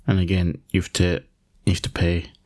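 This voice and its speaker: A man's voice: low-pitched, monotone, normal speed, dry recording, studio quality. A man co-hosting a casual tech podcast, asking short follow-up questions. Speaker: podcast co-host.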